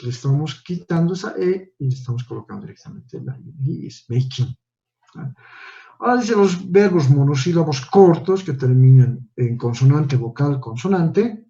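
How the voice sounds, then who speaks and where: A man's voice: fairly high pitch, darkish tone, highs cut off. A male teacher giving a step-by-step classroom lecture, often checking in with his listeners through short tag questions. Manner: explains step by step, tags lines with "¿no?" and "¿ya?".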